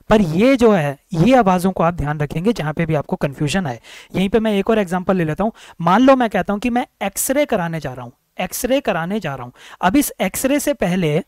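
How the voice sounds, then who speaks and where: A man teaching English grammar for exam preparation, repeating words slowly, sounding out each vowel and answering his own questions. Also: high voice, a little mellow, dry recording. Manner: asks questions then answers them himself. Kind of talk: exam-prep grammar lecture.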